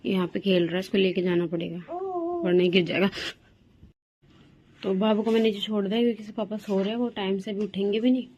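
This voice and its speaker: A woman's voice: medium pitch, steady tone, brisk, pauses often, darkish tone. Young woman chatting in a home vlog. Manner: chatty, coaxing her toddler in a sing-song voice. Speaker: vlogger. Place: home rooms, indoors.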